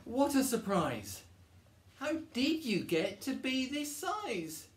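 A man's voice: high-pitched, measured pace, a little mellow, pitched above the performer's own voice. A man doing Eddie, a scared little boy. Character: frightened little boy looking for his teddy. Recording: echoey room.

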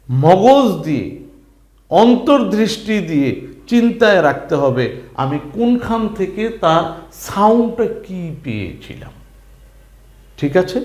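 A man teaching a spelling lesson, asking questions and answering them himself and drawing out syllables. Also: on the high side. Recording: echoey room.

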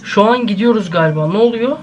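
A young man with a Turkish accent hosts a casual reaction vlog from his home, his voice sitting high for a man. He talks straight to his viewers and yelps excitably when something jumps out. A faint hiss of room ambience runs behind him. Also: fast, dull audio. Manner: excitable, jumpy, exclaiming at scares; addresses viewers directly. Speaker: YouTuber host. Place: at home, indoors. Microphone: camera set up in the room.

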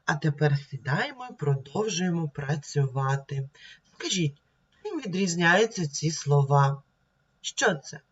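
A woman teacher giving a slow, clear reading lesson to young children, sounding words out one by one. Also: low-pitched, lively intonation, lo-fi sound. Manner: sounds words out slowly and deliberately. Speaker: primary school teacher.

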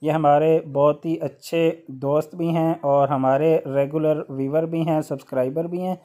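A man hosting a how-to video, explaining a workshop machine step by step with occasional hesitant "uh" pauses. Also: on the high side, fairly even intonation, mellow. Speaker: electrician channel host.

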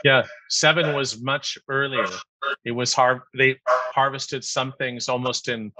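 A man hosting a wine tasting interview on a video call, talking in a relaxed conversational way. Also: medium pitch, measured pace, noisy background. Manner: relaxed conversational, short backchannels. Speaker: host, wine critic.

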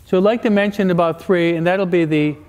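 Here the priest talks fairly quickly in a high, steady, slightly mellow voice, with a touch of background noise. His parish talk in a large church, captured with long echoing reverb, mixes humor with instruction and frequent questions to the audience.

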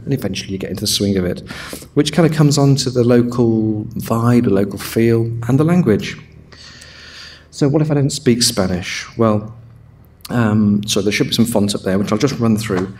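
A middle-aged man speaks to a room of listeners about travel, with a voice at an ordinary middle pitch. His delivery is chatty and jokey, and he drops into brief put-on voices to act out scenes. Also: darkish tone. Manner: chatty and humorous, acts out quick voices. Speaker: presenter at an overland travel show. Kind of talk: live presentation talk with slides. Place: talk in a room with an audience.

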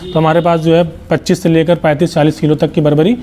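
Walking through outdoor goat pens, a young goat farm owner with an Uttar Pradesh Hindi accent shows off his goats and quotes prices casually, like a salesman leaning on repeated fillers. His voice is on the high side, warm, fast, and flat in delivery.

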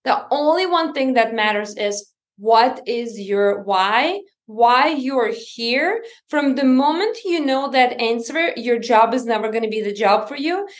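Energetic Lithuanian-born woman on a video call. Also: on the high side, a little slow. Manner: energetic, earnest, non-native grammar. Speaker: guest, company founder. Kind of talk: casual interview talk. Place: indoor room at home.

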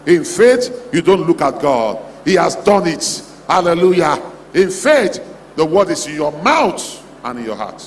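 A higher-pitched male charismatic preacher leads a church convention in a large hall, very animated yet a little slow, exhorting through repetitive short declarations in a prayer-and-declaration sermon. The echoey hall PA carries long reverb with music underneath and a little hiss or hum.

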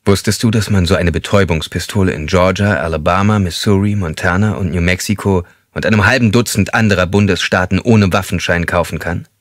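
A man voicing a calm, controlling male serial killer, speaking slowly and with menace. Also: sits low, no room sound, clean studio sound, lightly acted. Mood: coldly calm. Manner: slow, measured and menacing, at times hissed.

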